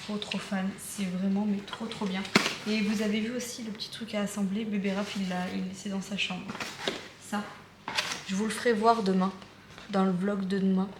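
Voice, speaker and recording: A woman's voice: mid-range voice, level tone, moderate pace. A young woman chatting casually in a vlog at home, enthusiastic and rambling with many fillers and repetitions. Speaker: vlogger. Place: at home, indoors. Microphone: phone or camera close by. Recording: echoey room with background noise.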